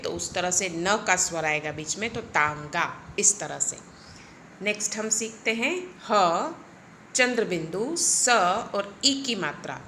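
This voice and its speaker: A woman teaching young children, slow and patient, spelling out letters and often asking the class to repeat. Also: medium pitch, a bit bright, a little hiss or hum. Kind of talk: children's Hindi lesson.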